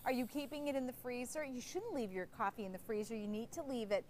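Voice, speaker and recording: Female home shopping host, higher register, emphatic and repetitive selling style, faint noise behind her. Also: fast, darkish tone. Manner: emphatic, repeats key phrases. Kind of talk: home shopping sales pitch.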